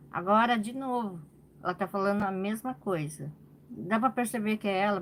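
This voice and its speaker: Brazilian woman crochet host, unhurried live chat, faint room noise behind her. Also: mid-range voice. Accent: Brazilian Portuguese. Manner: venting, repeats phrases, frequent "né?". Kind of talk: casual live-stream chat.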